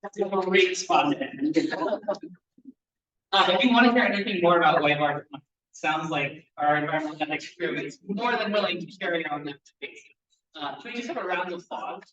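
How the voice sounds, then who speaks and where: A man moderating a student presentation, announcing in a brisk, upbeat way. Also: fairly high pitch, pushed and bright. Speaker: session moderator. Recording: roomy, distant, dull recording.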